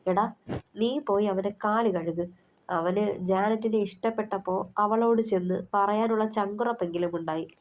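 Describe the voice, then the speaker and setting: A woman's voice: medium pitch, moderate pace, a little hiss or hum, lightly acted. A woman voicing a protective older brother, a young man who talks bluntly and scolds his friend. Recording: slightly muffled recording.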